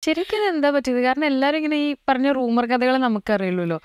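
A woman's voice: sits high, quick pace, clean tone, no room sound, clean studio sound. A woman with a Malayali accent interviewing a singer, asking questions and affirming attentively. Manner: attentive, affirming with short backchannels.

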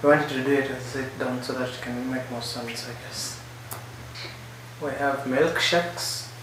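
A young man answers questions in a relaxed, joking way. He speaks at a middle pitch, and his voice rings through a very echoey room. A constant hiss sits underneath. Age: young adult. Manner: laid-back, quick joking answers. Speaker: vlogger answering couple questions. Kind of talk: casual couple chat. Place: small living room, indoors.

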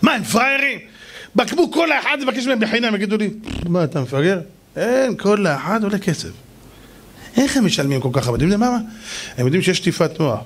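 A middle-aged rabbi preaches in a storytelling style, slipping into other people's voices as he tells his tales. His voice sits fairly high and sounds husky, and it rises and falls with lively swings. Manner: animated, acts out shouting voices, jokes with audience. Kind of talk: storytelling sermon.

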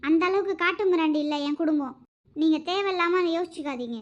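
A woman plays a worried cartoon mother who pleads and soothes, anxious for her daughter. Her voice is very high-pitched. The recording sounds muffled and lo-fi. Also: quick pace. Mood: pleading.

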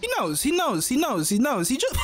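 Young male reactor, higher-pitched, loose, sweary and repetitive delivery. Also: huge pitch swings, normal speed, a bit bright, slight background noise. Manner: slangy, profane, repeats himself often. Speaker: anime reaction host. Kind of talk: casual reaction commentary.

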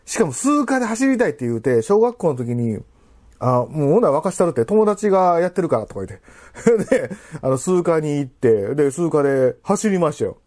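A man in his thirties with a Kansai accent, chatting casually while eating, in a halting, rambling way with repeated phrases, labored from spicy food. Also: on the high side, lively intonation, dark tone. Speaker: food vlogger. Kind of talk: casual chat while eating and drinking to camera. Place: living room at home.

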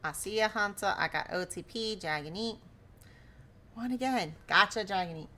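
A woman's voice: medium pitch, normal speed, bright, forceful tone, a little hiss or hum. A woman hosting a live stream in a chatty, teasing way, laughing often as she talks to her viewers. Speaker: live-stream host running a card pack battle. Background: faint background music.

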